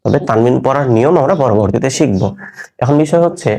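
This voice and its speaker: A man's voice: medium pitch, animated, quick pace, dark tone. A man teaching a Quran reading class, patiently explaining and repeating letter sounds step by step. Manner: patient, step-by-step explaining with drilled pronunciation examples. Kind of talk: recorded online lesson.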